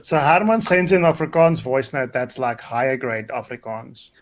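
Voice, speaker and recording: A man's voice: mid-range voice, expressive, normal speed. A man with a South African accent, chatting casually and recounting things to friends. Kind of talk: casual chat.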